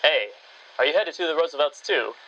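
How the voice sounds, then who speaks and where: A woman's voice: sits low, lively intonation, brisk, fairly bright tone, highs cut off, pitched below the performer's own voice, exaggerated voice. A woman voicing a brash male New York gangster with a thick New York accent in a radio drama. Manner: brash, gruff.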